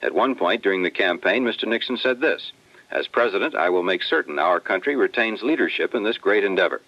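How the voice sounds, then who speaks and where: A man delivering a scripted news report in a formal, measured newsreader manner, heard as a dense old radio broadcast. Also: lowish voice, fairly bright tone, dry recording, dull audio. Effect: dense old radio broadcast sound. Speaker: news correspondent.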